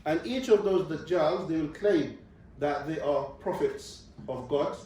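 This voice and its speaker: A man's voice: on the high side, unhurried, darkish tone. A young man giving a religious lecture to students, explaining step by step and often checking in with "okay.". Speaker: visiting Islamic speaker. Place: university lecture room. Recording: distant mic in a very echoey room.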